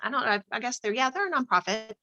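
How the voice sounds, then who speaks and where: A woman's voice: fairly high pitch, animated, rapid-fire, pushed and bright, no echo, muffled recording. A middle-aged woman, a teacher and advocate, telling a personal story in conversation, earnest and emotional, with many fillers and restarts. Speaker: interview guest, teacher and charity advocate.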